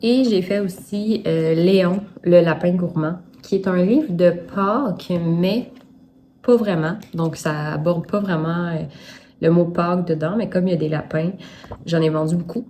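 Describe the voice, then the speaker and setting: Lower-voiced Quebec French woman vlogging. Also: unhurried, dark tone, a little hiss or hum. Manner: chatty, thinks aloud, showing books to the camera. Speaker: self-published children's book creator. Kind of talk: casual vlog talk to camera.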